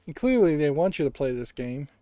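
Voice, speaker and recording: Hosting a video game playthrough, a man muses aloud as he plays, offering casual but analytical commentary over game music. His voice is fairly high, sing-song and warm, brisk in pace, with no room sound.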